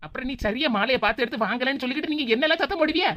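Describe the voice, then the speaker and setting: A sharp-tongued young daughter-in-law, voiced by a woman in a cartoon, speaking with a Tirunelveli Tamil accent. Her voice is high and she talks fast. Her retorts come out sarcastic. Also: over music, lightly acted. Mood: teasing. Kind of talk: cartoon voice acting.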